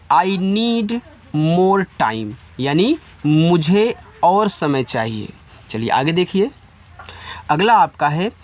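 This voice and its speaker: Male beginner-class teacher, higher pitched, patient and repetitive, spells words aloud. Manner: addresses viewers as students; reads English examples slowly and carefully. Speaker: English teacher. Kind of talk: spelling-and-meaning lesson for beginners.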